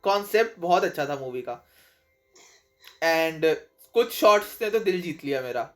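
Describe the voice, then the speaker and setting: Excitable man reacting to a movie. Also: a little slow, faint music behind. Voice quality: voice goes thin and high when excited. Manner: excitable, swears often, laughs a lot. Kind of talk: casual live movie commentary, mixing Hindi and English.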